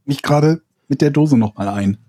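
A man's voice: on the high side, moderate pace, warm tone, dry recording. A man co-hosting a podcast, telling a rambling story and teasing the others in casual chat. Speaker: podcast co-host.

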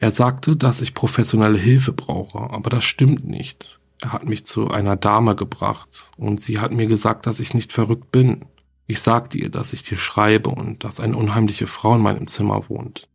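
A man's voice: fairly low pitch, level tone, moderate pace, vocal fry, slightly rough. A man reading the diary entries of a frightened young schoolgirl who writes to her dead mother.

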